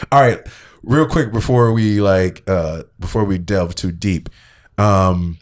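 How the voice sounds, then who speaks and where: A man's voice: sits low, slow pace. A man co-hosting a casual podcast chat, playful and slangy, often laughing as he tells stories. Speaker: podcast co-host.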